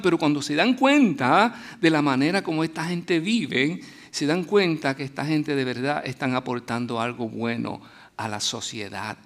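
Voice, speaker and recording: Male preacher, middle-aged, gravelly voice, conversational storytelling sermon. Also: a little high, a bit bright. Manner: conversational storytelling, with restarts and asides. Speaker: guest preacher.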